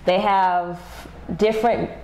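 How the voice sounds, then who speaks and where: A woman's voice: medium pitch, steady tone, slow, a little mellow, echoey room. A woman from Zimbabwe co-hosting a talk show, speaking emphatically and laughing between points. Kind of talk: casual chat. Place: living-room studio set.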